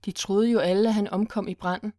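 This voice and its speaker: A woman narrating a tense story in a steady storytelling voice. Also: mid-range voice, no echo, clean studio sound. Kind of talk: audiobook narration.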